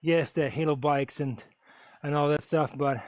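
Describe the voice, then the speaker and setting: A man's voice: a little high, steady tone, normal speed, no room sound. A man from Germany, chatting casually on a live stream while riding and answering viewers' questions with many fillers. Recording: dull lo-fi stream audio.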